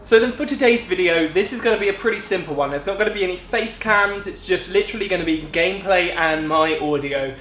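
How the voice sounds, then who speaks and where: A man's voice: high-pitched, fast, few pauses, fairly bright tone, slight background noise. A British man in his twenties chatting informally as a gaming vlogger, explaining things casually in a very echoey room at home. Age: 20s. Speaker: gaming video creator. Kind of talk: casual vlog chat. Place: echoey room in parents' house. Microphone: on-camera shotgun mic.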